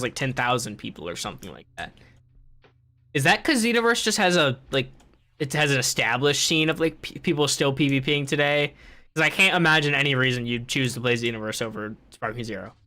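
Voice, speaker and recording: A man's voice: mid-range voice, bright, forceful tone. A young man hosting a gaming podcast, ranting in casual chat and swearing freely. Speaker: podcast host.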